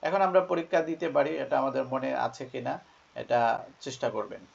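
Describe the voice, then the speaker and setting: A Quran teacher giving an online class, calling out letter names one at a time and stressing some of them loudly. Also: mid-range voice, a little fast, gravelly, dull audio.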